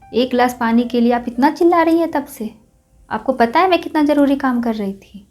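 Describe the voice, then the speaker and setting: Brief: woman as spoiled, greedy young daughter-in-law, mellow voice pitched a little high, snappy and sugary by turns. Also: a little fast, soft background music, lightly acted. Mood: scolding. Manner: sharp, complaining, falsely sweet. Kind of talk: Hindi family short drama acting.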